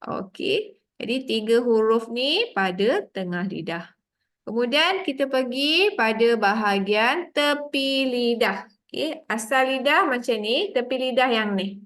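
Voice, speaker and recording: A woman's voice: on the high side, lively intonation, measured pace, a bit bright. Patient Malaysian woman teaching recitation. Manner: patient, explains step by step with demonstrations. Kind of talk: online tajweed lesson.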